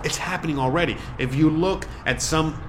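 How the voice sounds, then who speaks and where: A Miami vlogger in his forties delivers a casual monologue, rambling and emphatic and full of fillers. His voice is on the high side and a bit bright, he talks a little fast, and there's slight hiss or hum in the background.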